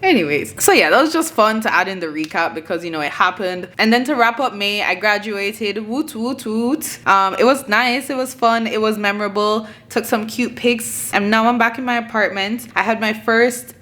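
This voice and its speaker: A woman in her twenties with a Jamaican accent, chatting casually through a monthly recap vlog in an animated, rambling way. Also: medium pitch, moderate pace, few pauses. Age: 20s. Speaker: vlogger.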